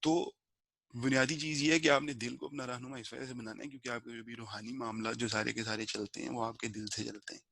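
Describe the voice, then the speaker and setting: A man talks through a spiritual lesson the way a teacher explains to friends, unhurried and conversational, now and then dropping in English words. His voice sits at an ordinary middle pitch. The recording is dry and close, with no room sound. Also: steady tone, gravelly, a bit bright, dry recording. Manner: slow measured recitation of a prayer verse.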